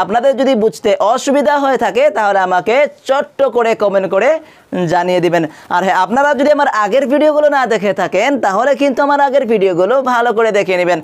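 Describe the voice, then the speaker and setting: A religious teacher who recites slowly and draws out each word, spells the words letter by letter with their vowel marks, and asks the viewers questions before answering them quickly. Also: medium pitch. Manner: recites slowly and drawn out, explains quickly in between.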